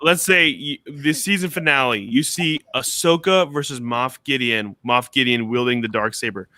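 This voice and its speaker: A man hosting a casual podcast who reads out viewer comments in a friendly, joking way and apologizes quickly. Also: mid-range voice, pushed and bright, no echo. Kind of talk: casual chat.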